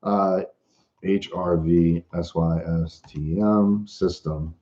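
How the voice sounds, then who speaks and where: A man hosting a casual live Q&A, reading viewer comments aloud with frequent halting restarts. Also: sits low, fairly even intonation, dark tone. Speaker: livestream host. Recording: roomy, dull lo-fi livestream audio.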